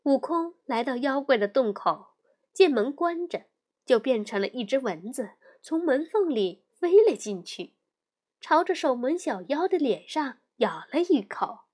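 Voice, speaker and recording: A woman narrating a children's story in an expressive, storytelling manner. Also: sits high. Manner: slow, lively, expressive.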